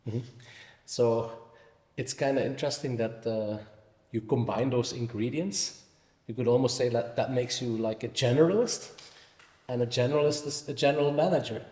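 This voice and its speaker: A man's voice: medium pitch, moderate pace, darkish tone. A Belgian man hosting a conference interview, asking questions in a friendly, chatty way. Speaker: interviewer, host. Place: conference venue, echoey hall. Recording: echoey conference hall.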